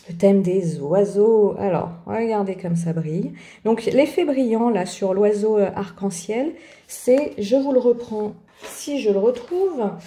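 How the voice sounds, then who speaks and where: In an echoey room, a woman with a mellow, mid-range voice chats casually through an art journal tutorial. She sounds hesitant and uses many fillers.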